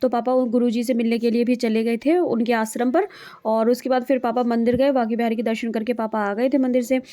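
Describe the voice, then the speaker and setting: A woman's voice: a little high, fairly even intonation, brisk, dark tone. A young woman narrating her day in a chatty, diary-like home vlog. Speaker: vlogger.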